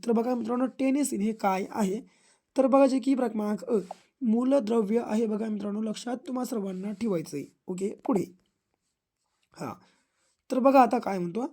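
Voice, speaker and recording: Woman teacher running thru exam questions, says remember it again and again, kinda high, mellow voice. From Maharashtra, India. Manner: repetitive, drilling phrases, urges memorizing.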